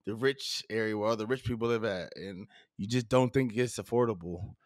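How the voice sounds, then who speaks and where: Speaking fairly quickly in a fairly low voice, a southern US podcast host runs an informal interview, often restarting and using fillers. He records in a home studio on a studio mic with headphones, and there's no echo.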